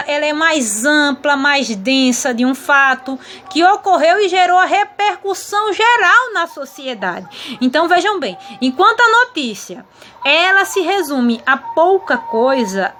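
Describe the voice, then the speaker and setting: A woman's voice: high-pitched, bright, forceful tone. A Brazilian woman teaching a grammar lesson to sixth graders in an affectionate, explanatory way, voicing her pupils' questions herself. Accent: Brazilian Portuguese.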